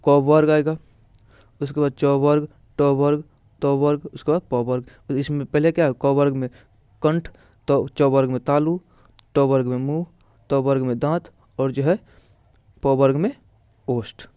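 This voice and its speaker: A man's voice: mid-range voice, steady tone, normal speed, pauses often, warm tone, clear, resonant tone, no room sound. A man teaching a grammar lesson, explaining step by step in a repetitive way, often asking and answering his own questions. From India.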